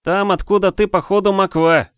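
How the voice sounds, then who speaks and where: A man's voice: a little high, lively intonation, moderate pace, no room sound, studio quality, voice pushed up. A man voicing a brash, cocky boy who teases cheekily with slang. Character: brash cocky boy, sharp-tongued and bossy.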